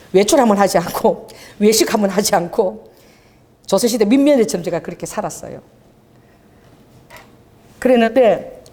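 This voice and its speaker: A middle-aged woman pastor preaching a sermon, telling stories with animated exclamations and acting out the voices she quotes. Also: medium pitch, in a large hall. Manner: exclaims hallelujah, calls out to congregation.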